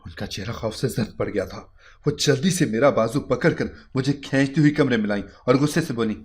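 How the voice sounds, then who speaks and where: Man narrating a moral story. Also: medium pitch. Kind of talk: scripted first-person story narration.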